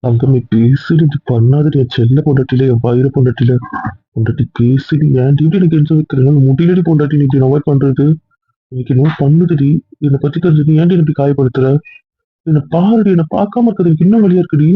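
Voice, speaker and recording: A man plays a possessive young husband in a homemade audio drama, rattling off his lines fast in a slightly raised, husky voice. The sound is thin and phone-like, with no room around it. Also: medium pitch, fairly even intonation, no echo, lightly acted. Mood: pleading. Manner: pleading then insistent, quick. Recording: tinny phone-like dry sound.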